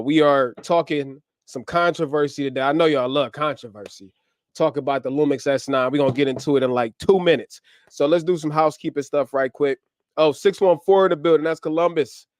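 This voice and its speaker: A man from the US hosts a casual livestream at home, reeling off upbeat, slangy shout-outs. He is running on little sleep, and his voice sits a bit high. The sound is dry and close, with no room echo. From US, grew up in Ohio. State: short on sleep. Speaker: livestream host. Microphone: camera mic on a livestream setup.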